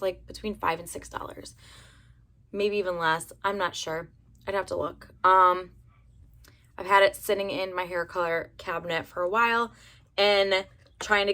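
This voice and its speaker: A young adult woman from the United States with a raspy voice, rambling chattily through a casual hair color review. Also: mid-range voice, fairly bright tone. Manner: rambling, chatty, many fillers. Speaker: beauty vlogger.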